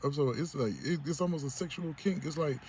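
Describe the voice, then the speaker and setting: A man's voice: on the high side, fast talker, a little mellow. A man vlogging in a blunt, profane rant, often acting out what other people say. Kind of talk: ranting monologue. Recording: vehicle noise in background.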